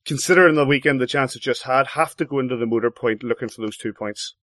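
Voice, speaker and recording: A man hosting a hockey talk show, animated and swooping up in pitch on his points. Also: quick pace, no room sound, clean studio sound. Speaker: host. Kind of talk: casual sports chat.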